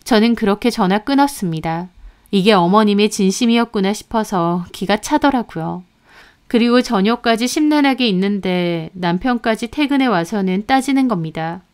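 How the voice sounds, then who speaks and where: Clear-voiced woman narrating a story. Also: medium pitch, lively intonation, moderate pace. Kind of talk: first-person story narration.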